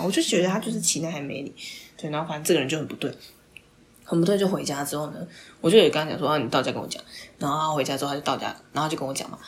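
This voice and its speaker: A young woman tells a story on her podcast in a quick, casual chat, her voice sitting a little low. She talks animatedly, swears in passing and slips into whispered asides, with faint clicks behind her. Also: slight background noise. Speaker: podcast host.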